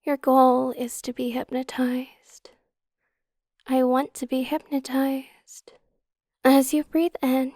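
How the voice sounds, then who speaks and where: A woman guiding a hypnotic induction in a slow, soothing hypnotist manner, with a soft, breathy, half-whispered ASMR delivery. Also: high-pitched, no room sound, clean studio sound. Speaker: hypnotist guide.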